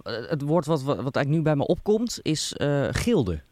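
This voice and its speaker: A man hosting a radio interview, asking questions in a halting way, searching for his words. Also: fairly high pitch, very animated, warm tone, no echo. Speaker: radio host.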